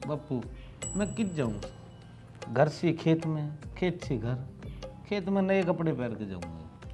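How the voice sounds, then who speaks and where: A man's voice: a little high, very animated, a little slow, warm tone, soft background music. A man playing a reluctant, simple-minded village son with a Haryanvi accent, stubborn and childlike, in a family drama. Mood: stubborn reluctance. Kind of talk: web serial family drama acting.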